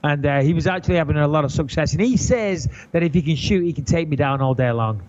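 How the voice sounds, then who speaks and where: A man's voice: a little high, quick pace, darkish tone. A middle-aged English man with an English accent, chatting casually as a podcast host, joking and swearing. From England. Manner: joking, swearing, restarts sentences. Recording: dull lo-fi audio.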